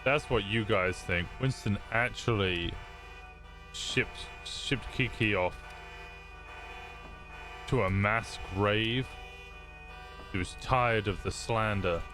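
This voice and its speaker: A man with a fairly low voice drawls through an online roleplay game at an unhurried pace. He jokes and kids around in casual chat. Faint music plays under him. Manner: joking and playful. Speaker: streamer playing a roleplay character.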